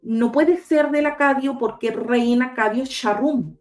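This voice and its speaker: A woman with a fairly high voice explains things step by step in a patient, teacherly way, spelling out letters one at a time. She speaks over a video call, with faint music underneath. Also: a little slow, darkish tone. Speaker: guest researcher. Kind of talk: explanatory talk with slides.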